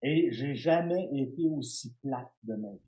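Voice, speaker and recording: Animated Québécois man telling stories. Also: mid-range voice, unhurried, highs cut off. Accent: Québécois French. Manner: animated, restarts and laughs while telling stories. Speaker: guest. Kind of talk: storytelling interview.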